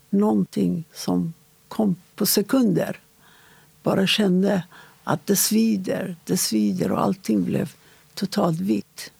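A woman with a deeply gravelly, fry-laden voice and a husky edge, recounting a personal story for an interviewer. She speaks in a halting, measured way, with short pauses between phrases. The sound is close and dry. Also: warm tone, no room sound.

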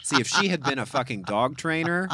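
A man's voice: mid-range voice, expressive, fairly quick, pushed and bright, slight background noise. An American man hosting a podcast in casual comedic banter, playful and sometimes mock-pompous. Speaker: podcast host.

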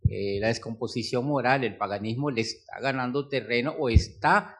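A man's voice: mid-range voice, moderate pace. A man from the audience poses a careful question to the speaker. He hesitates often and searches for his words, in an ordinary mid-range voice. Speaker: audience member asking a question. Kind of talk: question from the floor.

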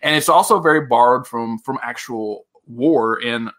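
Man, bright, animated podcast co-host, casual chat. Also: medium pitch. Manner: animated storyteller, quick asides.

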